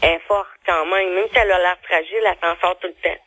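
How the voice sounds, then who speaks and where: A woman's voice: lowish voice, fairly even intonation, fast, fairly bright tone, dry recording, poor audio. A middle-aged woman, a singer chatting casually in a radio interview and laughing easily. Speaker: singer guest.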